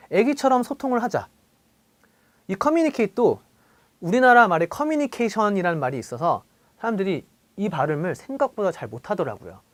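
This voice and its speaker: A man teaching an English pronunciation lesson, addressing viewers directly in a lively, conversational way and repeating example phrases slowly. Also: on the high side, dry recording.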